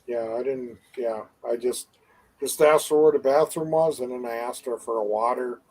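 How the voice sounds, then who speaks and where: A man's voice: medium pitch, normal speed, darkish tone, rough recording. A middle-aged man co-hosting a live online show, chatting in an easygoing, rambling way with many uhs. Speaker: co-host of a live advocacy show. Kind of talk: casual chat.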